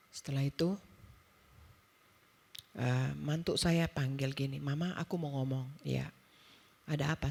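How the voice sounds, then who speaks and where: A woman's voice: deep voice, a little mellow, husky. A middle-aged woman preaching a sermon at a church women's service, telling a personal story in a conversational way and acting out the dialogue. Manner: conversational storytelling, acts out dialogue, quick asides.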